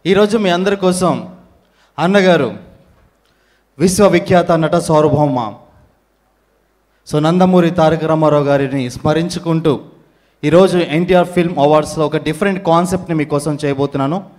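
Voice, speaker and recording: A man's voice: a little high, a little mellow. A man with a Telugu accent, a mimicry artist greeting an awards audience on stage with formal courtesy. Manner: formal, courteous, rapid speech. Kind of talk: stage introduction.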